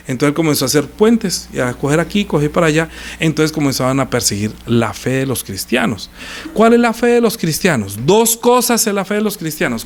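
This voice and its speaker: Predicador colombiano de voz aguda y cambiante. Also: male voice. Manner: conversational preaching with sudden pitch leaps, questions to listeners. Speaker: pastor. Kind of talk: sermon.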